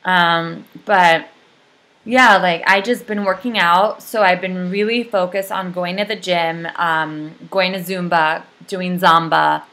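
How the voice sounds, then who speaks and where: A woman's voice: on the low side, fairly even intonation, takes it slowly, a bit bright. A young adult woman giving a casual, rambling video update, full of ums and likes. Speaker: vlogger.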